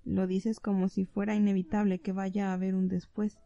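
A woman voicing a brooding, controlling male professor in an audiobook, speaking in a low, earnest way. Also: flat delivery, moderate pace, creaky, dark tone, no room sound, highs cut off, close to an everyday voice.

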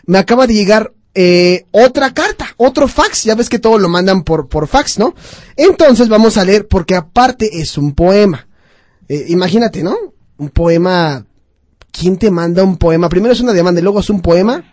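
A man's voice: sits high, expressive, moderate pace, darkish tone, no echo. A young man, hosting a casual radio show, teasing and laughing often. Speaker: radio host.

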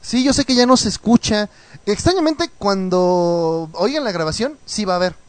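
A man hosting a radio show, chatting casually and reading listener messages with animated, mocking asides, troubled by a cough. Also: high voice, normal speed, no room sound. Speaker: radio host. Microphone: studio mic with headphones.

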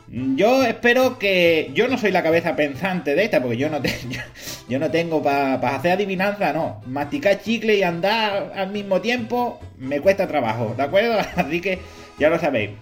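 A man with a Castilian Spanish accent hosting a podcast in a casual, rambling, jokey way, swearing freely. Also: high-pitched. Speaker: podcast host. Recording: music playing behind the voice. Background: background music.

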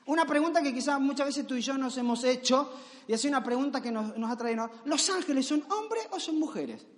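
A male pastor with a very high voice preaches in a loose, storytelling way, peppering his sermon with rhetorical questions. His voice rings out with long reverb from a large hall. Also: expressive, brisk.

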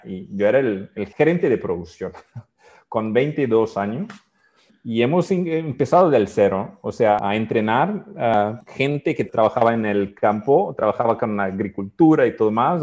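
Halting man with Spanish. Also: mid-range voice, darkish tone. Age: 40s. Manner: halting, searching for words in a second language. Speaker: guest, software founder and engineer. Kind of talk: interview answers, personal storytelling.

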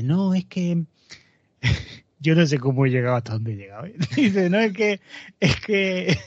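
High-voiced man telling a story with laughs. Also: darkish tone, no echo. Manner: laughs often, acts out quoted voices. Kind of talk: casual storytelling chat. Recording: dull, slightly muffled, dry audio.

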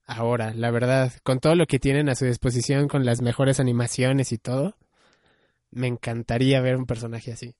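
A man's voice: medium pitch, little pitch movement, fairly quick, a little mellow, no room sound, studio quality. A young man chatting casually, musing and hedging with many fillers. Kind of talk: casual chat about anime.

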